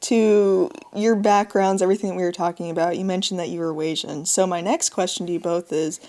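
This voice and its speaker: A woman's voice: fairly low pitch, fairly even intonation, a little fast, warm tone. A woman hosting a podcast, chatty and upbeat as she asks her guests questions. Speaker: podcast host. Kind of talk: casual podcast interview.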